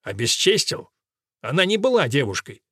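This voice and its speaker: A man's voice: fairly high pitch, sing-song, moderate pace, sharp tone, no echo, studio quality, heavily acted. Guy doing a young carpenter, proud and indignant, talks back hard.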